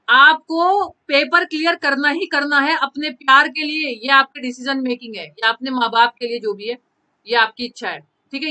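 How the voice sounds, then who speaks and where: Bright high-voiced woman teaching. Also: rough recording. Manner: mixes Hindi and English terms, repeats key phrases; addresses students by name from chat. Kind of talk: live online class.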